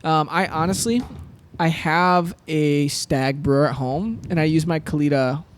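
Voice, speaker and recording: A man's voice: a little high, fairly even intonation, a little slow. A young man co-hosting a coffee podcast, chatting casually and playfully joking with his co-host. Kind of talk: casual chat.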